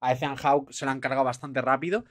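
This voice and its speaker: A young man with a Spain Spanish accent, hosting an excited film trailer reaction, gushing and swearing. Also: medium pitch, fast talker, dry recording, clean studio sound.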